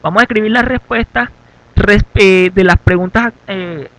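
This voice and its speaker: Male English teacher, high voice, dry close mic, instructive and repetitive. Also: moderate pace, bright, forceful tone, no room sound, poor audio. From Venezuela. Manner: instructive, repeats "ok" as a check. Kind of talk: classroom lesson.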